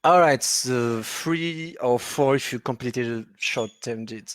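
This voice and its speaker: A man with a hoarse voice, coughing as he narrates a tabletop game as game master. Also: medium pitch, dry recording. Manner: coughing, halting. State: hoarse, losing his voice.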